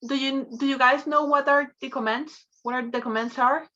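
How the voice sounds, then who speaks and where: High, bright-voiced woman teaching a class. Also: steady tone, normal speed, lo-fi sound. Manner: encouraging, prompts students with repeated questions. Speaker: English teacher. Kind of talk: online class lecture.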